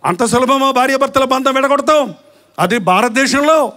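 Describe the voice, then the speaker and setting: Male pastor, live sermon, very high pitch, rhetorical and mocking. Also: sharp tone. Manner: rhetorical questions to the congregation, with mocking asides; slow, emphatic listing of sins.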